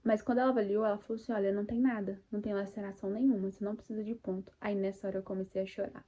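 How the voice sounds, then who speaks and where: A young Brazilian woman shares a personal story straight to her viewers in a very mellow, dark-toned voice. She talks casually and with feeling, full of faith, acting out the moments she lived. The sound is a little dull and lo-fi. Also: medium pitch, level tone, racing. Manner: emotional, reenacts her own cries and quotes; faith-filled, addresses viewers as "gente". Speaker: vlogger sharing birth story.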